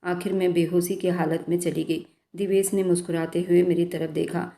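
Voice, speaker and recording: A woman narrating a dramatic story in the first person with an even, monotone reading. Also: fairly low pitch, normal speed. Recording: roomy echo.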